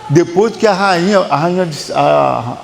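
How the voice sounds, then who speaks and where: A man's voice: a little high, animated, measured pace, gravelly, big-room sound, a little hiss or hum. A man with a Brazilian Portuguese accent, a psychotherapist giving a motivational talk in an emphatic, repetitive preaching cadence.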